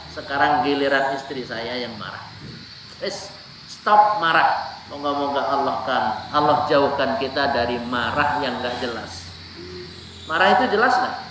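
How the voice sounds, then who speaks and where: A man preaching a lively, joking sermon to a congregation, weaving in Arabic quotations. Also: fairly high pitch. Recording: echoey room, ambient noise.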